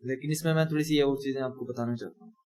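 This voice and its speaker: A man's voice: mid-range voice, steady tone, very fast, a little mellow. A young man teaching a coding lesson, talking through each step as he types and correcting himself as he goes. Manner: talks through each step while typing, self-correcting. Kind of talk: screen-recorded coding tutorial.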